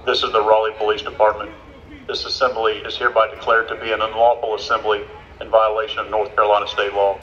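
A man makes an official, commanding announcement as a police announcer. His voice blares from a sound cannon loudspeaker outdoors, muffled and far away, with crowd and traffic noise around it. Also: lowish voice, flat delivery, fast talker. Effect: blaring vehicle loudspeaker, sound cannon. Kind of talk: scripted formal dispersal warning, read out. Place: outdoors on city streets, from vehicle loudspeaker. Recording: muffled, distant loudspeaker over noisy street crowd.

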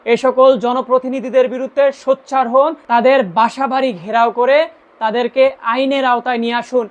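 A woman's voice: high-pitched, little pitch movement, fairly quick, highs cut off. A woman with a Bangladeshi accent presenting scripted news and commentary, addressing viewers directly in an emphatic way.

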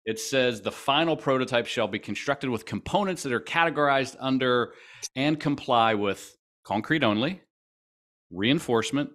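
A middle-aged man cohosting a casual podcast over a video call, explaining details in an animated way at a desk mic in a small room at home. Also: mid-range voice, moderate pace. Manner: explanatory, animated with hand gestures. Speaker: podcast co-host. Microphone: desk mic on stand, video call.

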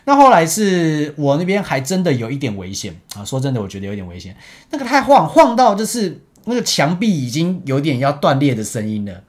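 Speaking brisk, Taiwanese-accented Mandarin, a young man who captains an esports team chats loosely through a story over gameplay. Frequent laughs fall between his sentences, and his pitch keeps jumping up and falling back, which sounds lively.

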